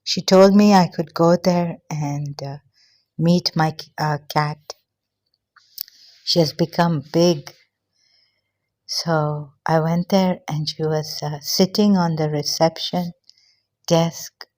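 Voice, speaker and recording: Slow, halting older woman. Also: low-pitched, fairly even intonation, a little mellow. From Pakistan. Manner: halting, many fillers and pauses. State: out of breath. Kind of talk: personal testimony monologue.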